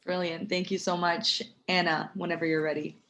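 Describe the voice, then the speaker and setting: A woman's voice: on the low side, little pitch movement, normal speed, a bit bright. A woman moderating a panel discussion in an informal, organising style.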